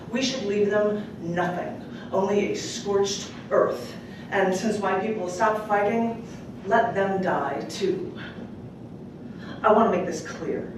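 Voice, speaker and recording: At a live event in a public library room, a poet with a medium-pitched voice reads spoken-word poetry at an open mic, tossing in casual asides. She's picked up by a distant microphone, so the sound is echoey, far off, and clearly noisy.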